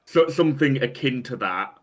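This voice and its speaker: A man's voice: medium pitch, animated, moderate pace. A man co-hosting a casual tabletop game talk, trading dry, sarcastic remarks. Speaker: podcast co-host.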